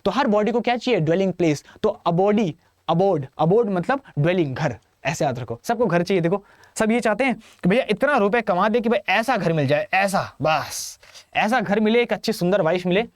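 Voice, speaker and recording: A man's voice: high-pitched, animated, fairly quick, dry recording, studio quality. A man with an Indian accent teaching English vocabulary for exam prep, playful and chatty, talking straight to his students. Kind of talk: energetic exam-prep lesson.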